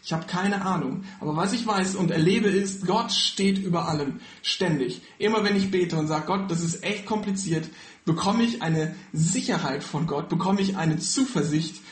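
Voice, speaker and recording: High-voiced German-speaking preacher in an echoey room. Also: male voice, normal speed. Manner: earnest, personal, addresses listeners directly. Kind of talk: sermon on a Bible passage.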